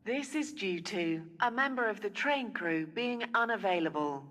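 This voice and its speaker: A woman giving an automated railway platform announcement over a station loudspeaker, in measured, evenly spaced phrases. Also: mid-range voice, expressive, long reverb tail, very noisy.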